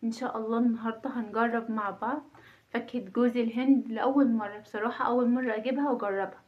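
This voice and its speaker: On a dull, lo-fi home recording, a vlogging mom in her thirties speaks rapid-fire in a slightly high voice with fairly even intonation. She has an Egyptian Arabic accent and comes across as nervous and self-mocking in her casual chat.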